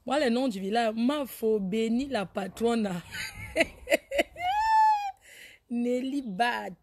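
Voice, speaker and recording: A woman hosting a casual live stream, reading out viewers' names and teasing them in an animated way. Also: fairly high pitch, unhurried, dry recording. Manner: animated, teasing, laughs often, scolds viewers. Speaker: Facebook live host.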